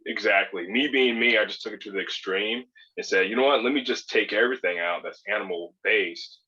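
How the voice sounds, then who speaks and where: A man's voice: fairly low pitch, brisk, bright, forceful tone, breathy edge, muffled recording. A man in his thirties, born in California and raised in Hawaii and Spain, talking as a guest on a podcast in a laid-back, rambling way with lots of fillers and restarts. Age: 30s. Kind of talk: casual podcast interview.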